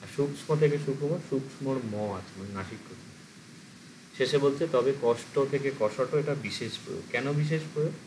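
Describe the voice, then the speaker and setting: A man teaches an exam-prep lecture at a mid pitch. He works through each example one step at a time, often posing a question and then answering it himself. Faint background noise sits under his voice. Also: moderate pace.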